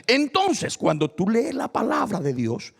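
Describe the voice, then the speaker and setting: A man pastor preaching a sermon with passion, swinging from loud cries to hushed low phrases and calling out questions to the congregation. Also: wildly swooping pitch, measured pace, gravelly.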